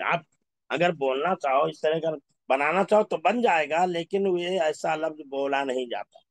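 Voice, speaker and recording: Male Urdu teacher with a slightly high voice, slow and repetitive, drilling vocabulary. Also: a bit bright, no room sound, clean studio sound. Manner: slow, repeats word lists aloud. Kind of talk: classroom lesson.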